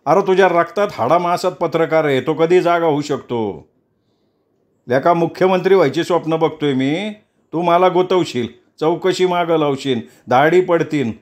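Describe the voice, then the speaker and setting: A man doing a loud, mocking politician. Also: a little high, moderate pace, close to an everyday voice. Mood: scornful. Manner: loud, scornful, teasing. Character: brash loud male politician, middle-aged, mocking.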